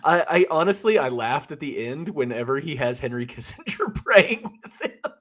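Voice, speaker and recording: A man's voice: fairly high pitch, lively intonation, normal speed, fairly bright tone. A man co-hosting a podcast, chatting casually about a movie and laughing readily. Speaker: podcast co-host. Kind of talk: casual film discussion.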